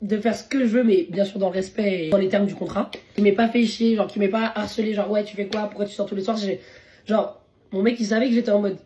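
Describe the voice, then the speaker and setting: Young woman vlogger, hoarse voice, quick and chatty, slangy, mellow low-toned timbre, casual phone-to-camera delivery. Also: fairly even intonation. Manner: chatty, slangy, laughs often. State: hoarse, voice worn from talking. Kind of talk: casual chatty food vlog.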